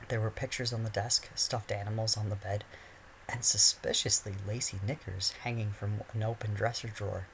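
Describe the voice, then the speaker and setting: A man narrating a fan fiction chapter in a steady storytelling voice. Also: on the low side, normal speed, gravelly, a little hiss or hum, poor audio. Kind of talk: reading fan fiction aloud.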